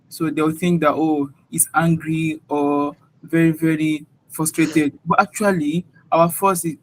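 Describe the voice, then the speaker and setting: Young Nigerian-accented man, interviewee, slightly high voice, hesitant, casual. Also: poor audio. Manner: hesitant, searching for words.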